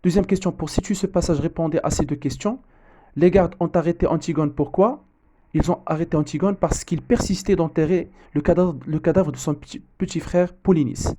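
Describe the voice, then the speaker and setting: Man, teacher going over an exam, fairly high voice, mellow tone, halting with many fillers and restarts. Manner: hesitant, frequent fillers and restarts. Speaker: French teacher correcting an exam. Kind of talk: exam correction lesson, reading the text aloud.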